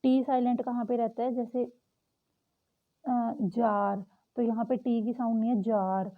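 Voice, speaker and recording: A young woman teaching a lesson, patiently repeating example words slowly. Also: a little high, steady tone. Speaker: English teacher. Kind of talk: explaining a lesson. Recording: tinny phone-like audio.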